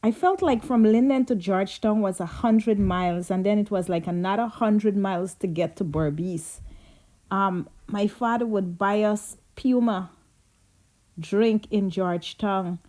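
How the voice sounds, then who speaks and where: Guyanese woman reminiscing, mellow voice. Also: mid-range voice, measured pace. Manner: chatty, reminiscing, slips into Creole. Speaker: vlogger. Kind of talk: casual storytelling.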